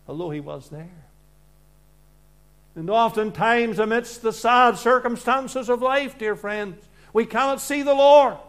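A man with a high voice preaches an evangelical sermon earnestly in deliberate short phrases. He swings between hushed lines and loud projection.

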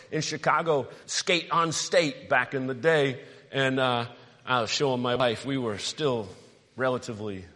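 Man preaching in a reverberant hall. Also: mid-range voice. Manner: animated storytelling, asks the congregation questions. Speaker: pastor. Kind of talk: sermon.

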